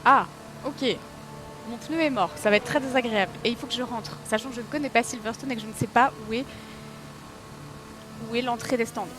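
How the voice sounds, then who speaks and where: A woman with a slightly high voice streams a racing game, talking briskly with frequent pauses over background music and game engine noise. Excitable, she chats to her audience as live commentary, yelping at mistakes and mocking herself.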